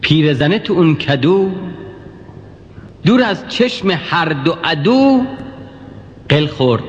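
Animated man narrating a rhymed tale. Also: a little high, a little hiss or hum. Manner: singsong, animated. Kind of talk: rhymed storytelling for children. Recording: dull reverberant recording over music.

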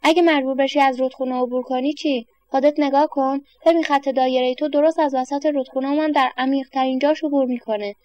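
A woman's voice: high-pitched, fairly even intonation, darkish tone, lo-fi sound, close to an everyday voice. A woman voicing a kindly grown man with a walking stick who questions a boy and then encourages him.

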